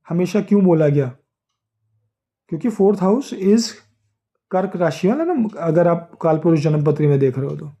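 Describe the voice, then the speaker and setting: A man's voice: on the high side, warm tone. A man giving a casual explanatory lesson on astrology, switching between Hindi and English and often checking in with listeners. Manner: conversational, repeats "ठीक है", many fillers and self-corrections. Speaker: astrology teacher.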